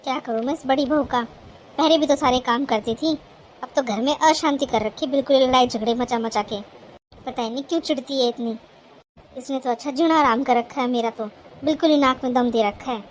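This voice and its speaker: A woman's voice: high voice, a little fast, a little hiss or hum, lightly acted. A woman voicing a doting mother-in-law in a cartoon who fusses over one daughter-in-law and scolds the other. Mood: stern. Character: doting mother-in-law, quick to take sides. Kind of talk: cartoon voice acting.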